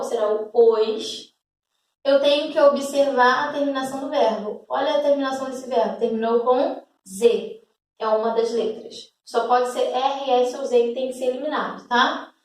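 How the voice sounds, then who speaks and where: Teacher in an echoey room. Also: female voice, a little high, distant mic. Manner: explains step by step, often checking in with "tá?" and "ok?". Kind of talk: grammar lesson for schoolchildren. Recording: echoey room, away from the mic.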